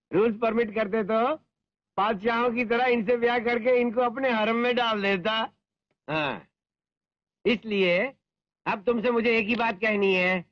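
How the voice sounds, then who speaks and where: A man's voice: high voice, dry recording. An actor dubbing a lecherous, boastful and cowardly man who swings between pompous sneering and whining pleas. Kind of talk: Hindi film dubbing. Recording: dull film soundtrack with music.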